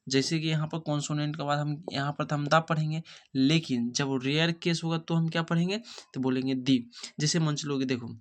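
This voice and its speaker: A man's voice: fairly high pitch, steady tone, brisk. A man teaching an English grammar lesson, asking rhetorical questions and checking whether students follow. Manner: repeats rhetorical questions, checks understanding often.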